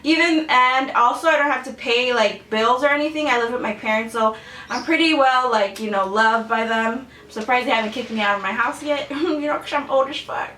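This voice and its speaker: A woman in her twenties speaks in a fairly quick, high-ish voice with a sharp tone, and there's a little hiss or hum. She's a beauty vlogger chatting casually to camera in a Q&A from her bedroom filming space, rambling with plenty of "like"s and giggling often, recorded from a distance in a roomy space.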